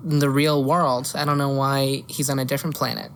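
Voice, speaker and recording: Her voice rumbles low with little pitch movement and a fairly quick pace, over a slight hiss or hum. She's a podcast co-host arguing her opinions about movies and games in casual, pop-culture chat, swearing offhandedly.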